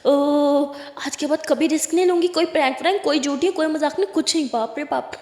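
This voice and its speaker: A woman's voice: high-pitched, brisk, a little mellow, close to an everyday voice. A woman voicing a playful, teasing young woman who stammers when nervous, in a told love story. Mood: flustered. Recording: echoey room, long reverb.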